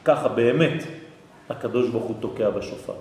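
A man teaching a lecture to a class, lively and often checking that listeners follow. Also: mid-range voice, slight background noise. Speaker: Torah teacher. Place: hall with an audience. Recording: echoey hall.

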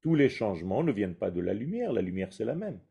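A man's voice: fairly low pitch, big pitch swings, quick pace, gravelly, mellow, slightly rough, dull audio. A man giving a spoken Kabbalah lesson, explaining patiently with rhetorical questions and Hebrew terms mixed in. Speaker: Kabbalah teacher.

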